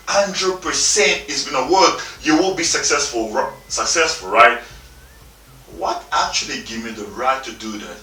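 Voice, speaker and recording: Animated man, echoey room. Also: on the high side. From Democratic Republic of the Congo. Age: 30s. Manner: emphatic, repeats himself, informal non-native English phrasing. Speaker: motivational speaker. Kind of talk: motivational talk to camera. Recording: echoey room, mic at a distance, faint music.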